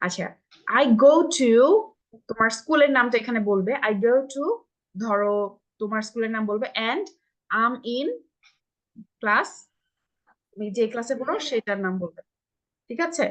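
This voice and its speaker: A woman's voice: fairly high pitch, measured pace, long pauses, a bit bright. A woman with a Bangladeshi accent teaching English to children in an online live class over a video call, patiently repeating model phrases and checking that everyone understands.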